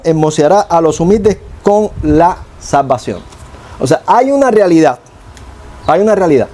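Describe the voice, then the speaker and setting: A man preaching a sermon as pastor, acting out prayers with a low hushed voice and boastful ones higher. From Cuba.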